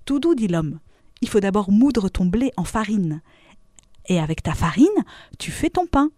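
Lady doing a cheery patient harvester, explains step by step, lively voice. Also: medium pitch, unhurried, dry recording, clean studio sound. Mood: explaining. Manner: explanatory, matter-of-fact.

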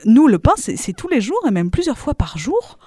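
A woman's voice: on the high side, very animated, moderate pace, warm tone, husky, dry recording, clean studio sound, pitched above the performer's own voice. A woman voicing a patient, cheerful man who harvests wheat and explains things plainly. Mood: explaining. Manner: explanatory, matter-of-fact.

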